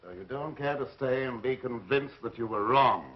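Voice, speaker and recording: Man acting a muffled, husky mad scientist, menacingly polite. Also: mid-range voice, normal speed, natural voice. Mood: scornful, menacing. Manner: formal, theatrical, menacingly polite. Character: resentful, grandiose mad scientist, an older man. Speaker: film actor. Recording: muffled old film soundtrack.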